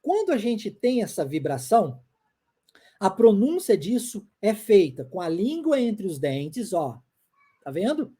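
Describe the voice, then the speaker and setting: A woman with a Brazilian Portuguese accent teaches English pronunciation online, repeating examples and frequently checking in with viewers. Her mid-range voice swings widely in pitch, is dark with a breathy edge, and moves a little slowly.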